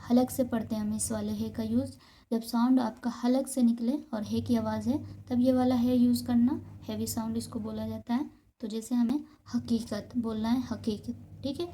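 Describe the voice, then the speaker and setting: Mellow-voiced woman teaching letters. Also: fairly high pitch, a little hiss or hum. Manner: patient, repeats example words slowly. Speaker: Urdu teacher. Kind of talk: beginner's Urdu alphabet lesson.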